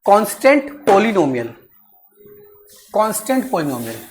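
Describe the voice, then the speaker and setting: A woman teaching maths in class. She keeps checking that students understand and repeats phrases slowly while dictating. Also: medium pitch, very animated, a little mellow.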